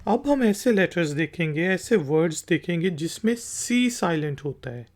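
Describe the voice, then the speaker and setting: This Pakistani language teacher gives a patient, explanatory lesson, spelling out every word letter by letter and then repeating it. She speaks at a moderate pace in a mid-range voice with lively intonation and a darkish tone.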